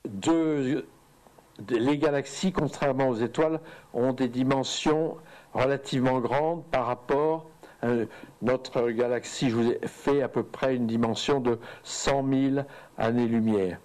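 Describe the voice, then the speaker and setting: Halting French-speaking man lecturing. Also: medium pitch, fairly even intonation, a little mellow, low-quality recording. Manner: hesitant, halting with many fillers and restarts. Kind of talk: seminar lecture with slides. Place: lecture room.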